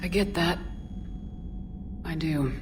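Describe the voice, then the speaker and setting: Commander Shepard, very low resolute woman. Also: takes it slowly, noisy background. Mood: supportive. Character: resolute female military commander, steady and supportive. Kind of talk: video game dialogue.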